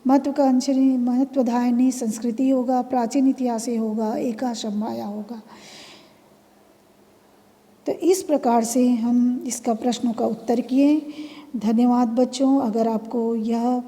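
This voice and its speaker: A woman's voice: on the high side, fairly even intonation, measured pace, warm tone. Patient woman teacher in an echoing room. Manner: patient, explains step by step, repeats key words. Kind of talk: classroom lesson explaining exercise answers. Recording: long reverb, room echo.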